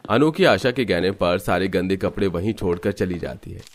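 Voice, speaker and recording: A man's voice: low-pitched, normal speed, a little hiss or hum. Male narrator telling a cartoon story. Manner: steady storytelling. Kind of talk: scripted narration.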